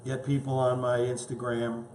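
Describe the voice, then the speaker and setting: A man's voice: medium pitch, monotone, moderate pace, darkish tone, echoey room, slight background noise. A man hosting a casual home cooking show, chatting eagerly as he tastes his dish. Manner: enthusiastic, chatty, tasting food as he talks.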